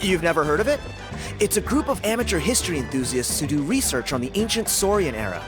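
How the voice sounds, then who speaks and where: A young dancer from a jungle tribe in a video game speaks in a slightly high, lively voice, friendly and boastful. He chats quickly and in an easygoing way over loud game music.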